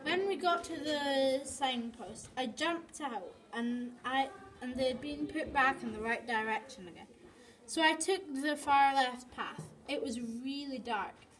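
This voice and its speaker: A woman reading her own story aloud, slowly and haltingly, with restarts. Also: high voice, a bit bright, low-quality recording. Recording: voice from off the mic, people chattering behind.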